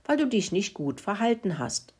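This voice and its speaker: A woman's voice: mid-range voice, sing-song, moderate pace, darkish tone, husky, voice pushed up. A woman voicing a bossy little female mouse who lectures in a storybook reading. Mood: lecturing. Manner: lecturing, explaining.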